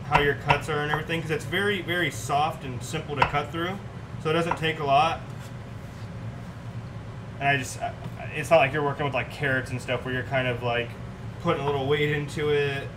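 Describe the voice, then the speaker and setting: A young man hosting a home cooking livestream, chatting casually with viewers as he preps food in his kitchen. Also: a little high. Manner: laid-back, chatty, talks to viewers in chat while cooking. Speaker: cooking show host. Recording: distant mic with clear room noise.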